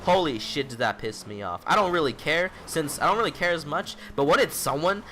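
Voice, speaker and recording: A man's voice: a little high, animated, brisk, bright, forceful tone, slight background noise. A young man in his late teens ranting in a rambling, exasperated vlog monologue, swearing constantly. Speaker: vlogger.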